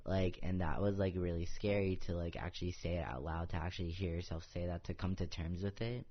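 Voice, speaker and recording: A young man with a very low voice tells his own story as a podcast guest, earnest and unpolished, and he drops "like" into nearly every phrase. The audio is dull and lo-fi, as if from a modest office podcast setup. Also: fairly even intonation, fairly quick. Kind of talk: casual personal storytelling.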